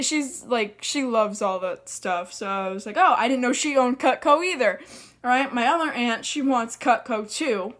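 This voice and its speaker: A young woman tells a story in a casual, rambling way. She swears often and leans on fillers. Her voice sits a little high. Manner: chatty, profane, full of fillers. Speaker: vlogger.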